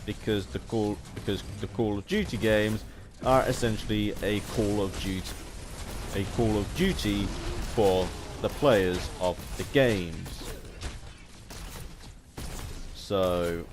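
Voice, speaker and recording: In this clip, a British man offers halting, rambling commentary on a video game, repeating and reworking his phrases as he goes. His voice sits on the low side against a noisy background.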